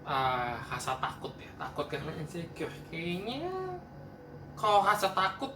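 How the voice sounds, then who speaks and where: A man's voice: fairly high pitch, animated, unhurried. A man with a Jakarta Indonesian accent who cannot roll his r, saying it like a w, chatting casually and mixing in English words. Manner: mixes English words into speech. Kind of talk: casual group chat. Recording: roomy echo, distant mic, faint noise.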